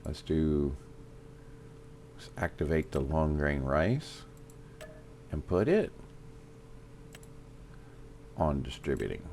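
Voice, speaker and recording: Southern guy talking slow through a farm game, real deep voice, bit of hum behind. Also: expressive, a little mellow. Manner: thinks aloud, halting with fillers. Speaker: gameplay commentator. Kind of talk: casual let's-play commentary.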